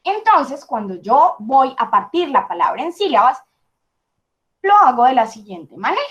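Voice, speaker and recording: A woman's voice: high-pitched, big pitch swings, moderate pace, a bit bright, lo-fi sound. A woman teaching a class, explaining patiently and checking in often with her students.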